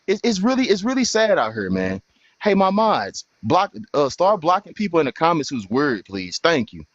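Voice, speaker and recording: A young man hosts a livestream panel in a casual, slangy way, repeating "bro" as he argues his point. His voice sits fairly high and swings widely up and down. The audio is dull and lo-fi, dry with no room sound. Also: wildly swooping pitch, normal speed, dry recording.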